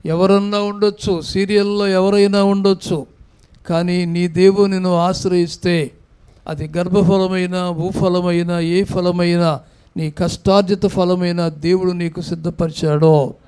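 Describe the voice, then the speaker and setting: This pastor, with an Andhra Telugu accent, preaches into a microphone in a church and urges the congregation to answer him aloud. His voice is high-pitched yet darkish, clear and resonant, delivered flatly at a measured pace.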